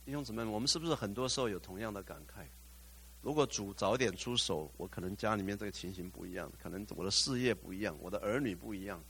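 A man's voice: lowish voice, fast talker, fairly bright tone, slightly rough. A male pastor preaching a sermon, putting questions to the congregation, slipping in English phrases and rising to fervent exclamations.

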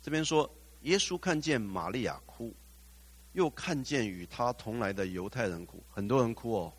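A male pastor with a husky, medium-pitched voice preaches a sermon at normal speed with lively intonation. He poses questions to the congregation, drops in English phrases, and builds to fervent exclamations.

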